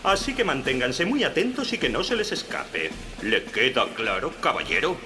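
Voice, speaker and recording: Un actor de doblaje que interpreta a un comandante militar severo que da órdenes, en un doblaje de película. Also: male voice, mid-range voice, big pitch swings, moderate pace, music in the background, natural voice. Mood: stern. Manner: barking orders, stern. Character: stern, gruff military commander man. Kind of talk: film dub.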